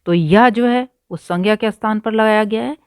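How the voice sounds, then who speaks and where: A woman's voice: medium pitch, normal speed, a little mellow, clear, resonant tone, no echo, clean studio sound. A woman teaching a textbook lesson, going word by word and repeating terms patiently for her pupils. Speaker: Hindi teacher.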